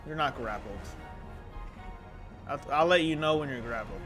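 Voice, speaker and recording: Music is clearly audible behind a man running a tabletop role-playing game as game master. He narrates and referees in a playful, dramatic, casual way, using a mid-range voice at a moderate pace.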